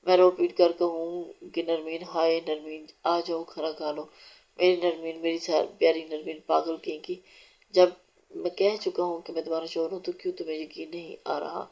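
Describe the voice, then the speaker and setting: A woman voicing a domineering young husband who teases and orders his wife about, in a low, flat, mellow tone on a dull lo-fi recording. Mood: teasing. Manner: domineering, mocking. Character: bossy teasing young husband.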